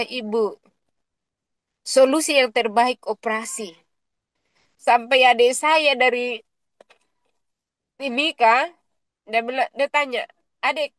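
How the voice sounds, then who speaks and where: High-voiced woman with Papuan accent. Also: dry recording. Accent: Papuan Indonesian. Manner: lively storytelling, acting out quoted dialogue. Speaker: guest giving a testimony. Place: radio studio.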